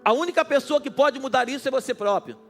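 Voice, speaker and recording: A man's voice: extremely high pitch, quick pace, faint music behind. A male pastor preaching a sermon at a night church service, passionate and speaking straight to his listeners. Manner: impassioned, addresses listeners directly.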